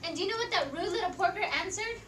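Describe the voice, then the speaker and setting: A woman's voice: very high-pitched, animated, quick pace, a bit bright. A teenage girl narrating theatrically as a student stage performer. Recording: echoey room, distant mic, audience noise.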